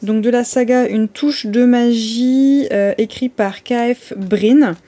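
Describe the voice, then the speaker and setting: A woman's voice: fairly high pitch, steady tone, slow, mellow. A woman chatting casually in a vlog, with many hesitations and restarts as she goes through her list. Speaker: vlogger.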